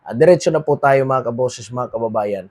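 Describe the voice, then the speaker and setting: A Filipino man with a Filipino accent hosting a political commentary monologue, moving between read English lines and Tagalog and dropping quieter at the end of phrases. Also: medium pitch, a little fast, husky. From Philippines. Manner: switches between read English and Tagalog, repeats "mga kaboses, mga kababayan"; trails off quieter at phrase ends.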